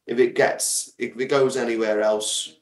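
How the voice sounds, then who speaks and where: This audio drama creator, a man, joins a relaxed interview as a guest and speaks unhurriedly in a mid-range voice with fairly even intonation. Eager and forceful, he keeps doubling up words for emphasis. His voice is distant from the microphone and carries a roomy echo.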